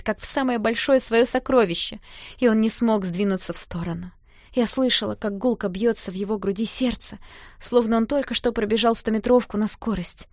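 A woman narrating a first-person audiobook with lively, emotional storytelling. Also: medium pitch, no echo, studio quality.

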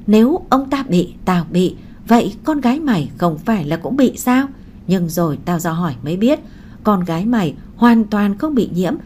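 A woman voicing a desperate, vengeful woman who holds a child hostage, in a shrill taunting manner. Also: a little mellow, slight background noise, lightly acted.

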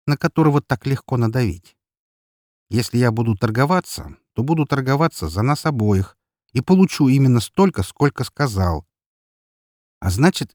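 A male audiobook reader voicing a calm, hard-bargaining male businessman who speaks in a measured, firm way, a bit higher than his narration. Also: no room sound, clean studio sound, lightly acted.

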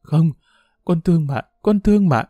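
A man's voice: a little high, lively intonation, moderate pace, dark tone, no echo, studio quality, voice pushed up, lightly acted. Man doing a pleading tearful young woman. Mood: desperate. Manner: pleading, begging.

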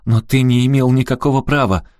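A man voicing a hot-tempered teenage girl who shouts her accusations. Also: medium pitch, moderate pace, no echo, studio quality, pitched above the performer's own voice, natural voice. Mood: furious.

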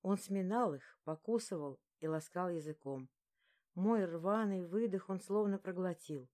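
A woman narrating a first-person romance audiobook in a soft, even storytelling voice. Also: lowish voice, unhurried.

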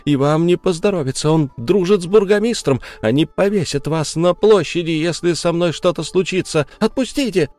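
A woman's voice: on the low side, moderate pace, few pauses, darkish tone, faint music behind, pitched above the performer's own voice, lightly acted. A man voicing a frightened pregnant village wife who screams and begs for help. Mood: desperate pleading. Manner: screaming and begging. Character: terrified pregnant village wife, pleading, defiant.

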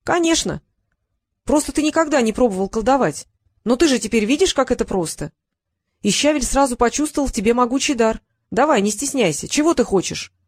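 A woman's voice: on the high side, expressive, a little fast, voice pushed up. A woman voicing a clever, determined boy apprentice who speaks firmly and coaxingly in an audiobook. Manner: firm, coaxing. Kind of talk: audiobook narration.

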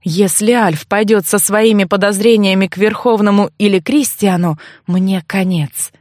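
Female audiobook narrator, mid-pitched, dramatic first-person delivery, dry close mic. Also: normal speed, dry recording. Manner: expressive, dramatic reading.

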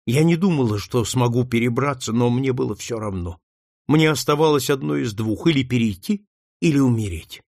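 A frightened young runaway woman who answers in short, meek words, read by a male narrator. The voice is raspy and gravelly, with animated pitch. It sounds close and dry. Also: moderate pace, no echo. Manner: meek, desperate.

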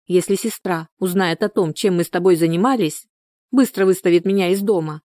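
A woman voicing a nervous, sharp-tongued young woman who snaps reproachfully. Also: on the low side, brisk, no room sound, studio quality, close to an everyday voice. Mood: annoyed. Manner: reproachful, snappy.

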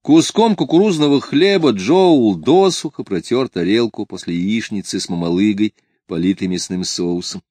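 A man reading a novel aloud as an audiobook narrator, in a measured, even literary style. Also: fairly low pitch, no echo, clean studio sound. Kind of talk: scripted narration.

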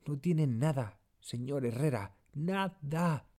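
A man voicing a distressed young palace maid who tearfully confesses in a pleading, rushed way. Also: fairly high pitch, expressive, warm tone, a little hiss or hum, voice pushed up.

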